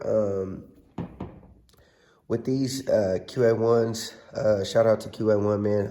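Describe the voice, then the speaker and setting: This man's car repair vlog, shot in a workshop, has an easygoing, slang-heavy style, and his voice is hoarse as if he's unwell. It sits on the low side and sounds mellow, with a bit of hiss or hum in the background.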